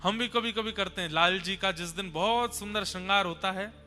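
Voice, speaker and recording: A man with a Braj accent preaching a devotional tale in a high, piercing, very bright voice. He speaks animatedly, often addressing his listeners directly, while a long hall reverb and soft music trail behind him. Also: fairly quick. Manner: animated, conversational storytelling to an audience. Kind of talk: devotional katha storytelling.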